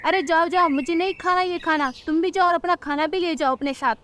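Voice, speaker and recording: A woman voices a grumpy old female bird in a cartoon story, a nagging mother-in-law who scolds and complains. She speaks briskly in a very high voice raised above her natural pitch, with slight background noise, sounding sharp-tongued and scolding.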